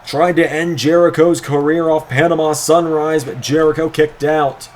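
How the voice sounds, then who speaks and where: A man doing play-by-play as a wrestling commentator, excitable, drawing out the calls of the moves. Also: fairly high pitch, normal speed, slight background noise. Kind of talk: wrestling commentary of a video game match.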